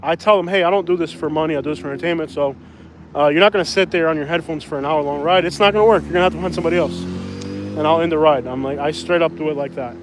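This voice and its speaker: A Cuban rideshare driver walks along a city street outdoors, rambling bluntly and with strong opinions in a casual livestream, often restarting his sentences. He speaks fast in a fairly high voice, with a noisy background.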